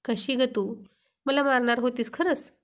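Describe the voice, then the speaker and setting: A woman's voice: a little high, fairly even intonation, unhurried, lightly acted. A woman voicing a playful young husband who keeps teasing his wife. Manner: teasing, joking.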